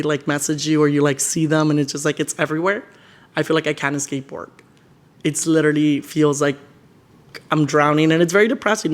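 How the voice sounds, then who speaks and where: A 21-year-old man vlogging, chatting casually to camera and venting in a rambling way, with lots of filler words. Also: a little high. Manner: rambling and venting, heavy use of "like". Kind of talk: casual sit-down chat to camera. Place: his decorated home.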